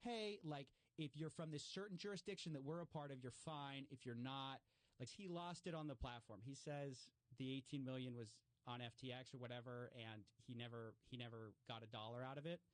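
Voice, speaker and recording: Animated man explaining in casual chat. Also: medium pitch, a little fast, dry recording. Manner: animated storyteller with many fillers and restarts.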